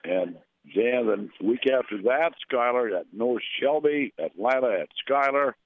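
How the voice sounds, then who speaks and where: A man's voice: mid-range voice, animated, a little slow. Man, radio sports announcer, conversational, tinny phone-like sound. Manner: conversational, reads scores and schedules. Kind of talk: local radio basketball broadcast.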